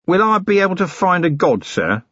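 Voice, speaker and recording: A dim, deferential male prisoner, as a man puts him on, eager and rambling, his pitch leaping about as he talks. The recording is dry and a little dull. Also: sing-song, moderate pace, a bit bright, no echo, full character voice. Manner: eager, rambling, repeatedly says sir.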